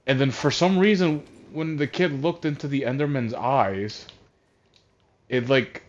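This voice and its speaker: A man's voice: medium pitch, unhurried. A man ranting casually on a voice call, rambling and exasperated, with lots of swearing and restarts. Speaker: streamer. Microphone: voice chat headset. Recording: dull lo-fi console chat audio.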